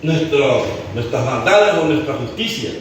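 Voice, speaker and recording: A man's voice: medium pitch, lively intonation, measured pace, slight background noise. A man preaching a sermon as pastor, impassioned, often calling out to his listeners and stumbling over restarts. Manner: impassioned, repeatedly addressing "hermano", stumbling restarts. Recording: very echoey room, mic far off.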